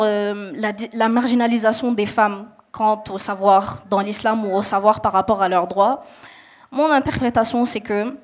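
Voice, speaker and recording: Her voice medium in pitch and slightly mellow, a young woman from Mali and Niger, raised in Saudi Arabia, responds to a panel question. She is earnest and explanatory, with frequent pauses and false starts.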